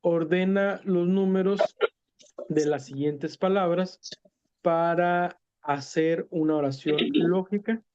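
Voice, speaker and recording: Slow, mellow-voiced male teacher. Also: sits high, clean tone. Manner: patient, repeats words and translates step by step; many hesitations and self-corrections. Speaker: English teacher. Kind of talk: explaining an English lesson in Spanish. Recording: dull lo-fi recording.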